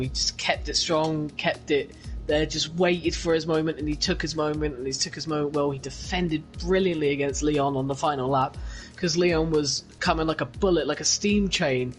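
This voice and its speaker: A man's voice: a little high, poor audio. A man giving guest co-commentary on an esports race, speaking earnestly and often repeating phrases.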